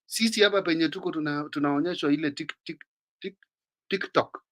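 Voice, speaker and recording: A Kenyan man hosting a casual panel talk, animated and mixing English with Swahili. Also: a little high, fairly quick. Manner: animated, switches between English and Swahili, mimics others. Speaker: talk show host.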